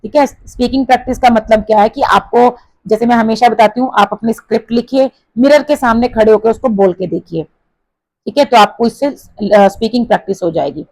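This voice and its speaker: A woman teacher with an Indian accent explaining a textbook exercise, mixing Hindi with English and reading example sentences slowly with stress. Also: a little high, darkish tone, no echo, rough recording.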